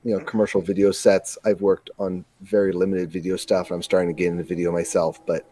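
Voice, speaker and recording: A man's voice: low voice, flat delivery, quick pace, mellow, husky. A man hosting a casual podcast chat, talking eagerly and in detail, laughing easily.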